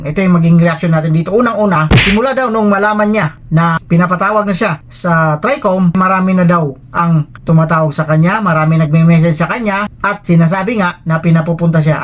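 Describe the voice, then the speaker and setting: A vlogger from the Philippines giving a mocking reaction commentary, sarcastic and taunting, laughing often. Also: mid-range voice.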